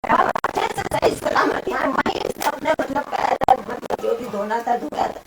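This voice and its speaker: A middle-aged woman telling her testimony to a congregation in an animated storytelling way. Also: high voice, normal speed, heavy background noise. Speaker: church member giving testimony. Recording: distant, congregation audible.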